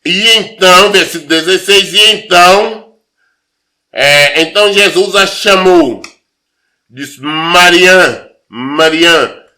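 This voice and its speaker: A man's voice: high voice, takes it slowly, pauses often, pushed and bright. A male pastor teaching from the Bible in a loose, conversational way, acting out everyday dialogue and asking rhetorical questions. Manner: many fillers and restarts, rhetorical questions.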